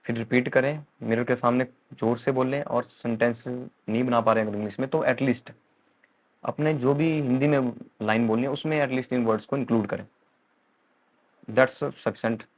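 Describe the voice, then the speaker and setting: A man's voice: medium pitch, normal speed, pauses often. Man teaching pronunciation, slightly muffled. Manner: explains step by step, mixing Hindi and English. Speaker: English teacher. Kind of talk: Hindi-English pronunciation lesson.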